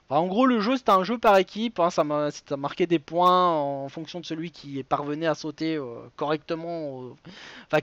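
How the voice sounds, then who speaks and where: A high-voiced man hosts a live web quiz, reading out questions and rambling into tangents with plenty of fillers. His voice sits dry and close, a little dull and lo-fi. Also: dry recording. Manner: chatty, digressive, many fillers. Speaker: quiz show host.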